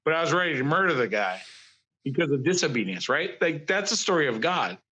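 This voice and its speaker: A man's voice: a little high, brisk, husky. A man, a guest artist on a podcast, talking in a loose, profane, rambling way and acting out stories. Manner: profane, rambling, animated storytelling. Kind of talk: casual interview chat.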